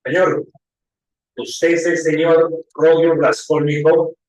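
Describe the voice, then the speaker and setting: A man voicing a stiff, formal male civil guard who speaks curtly and slowly. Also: a little high, level tone, a little mellow. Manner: curt and formal. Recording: echoey room.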